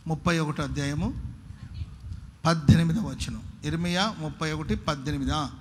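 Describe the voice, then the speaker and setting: A man's voice: fairly high pitch, normal speed, a little hiss or hum. A man preaching a sermon as pastor, repeating his words for emphasis and leading the congregation to read verses back after him. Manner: emphatic repetitive preaching, leads congregation in reading verses aloud.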